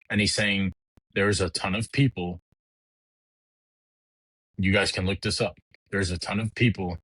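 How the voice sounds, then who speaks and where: A man's voice: deep voice, a bit bright, breathy edge, dry recording, low-quality recording. A middle-aged man hosting a podcast, ranting casually in a blunt, heated, profane way with frequent restarts. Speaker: podcast host. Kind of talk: casual political rant.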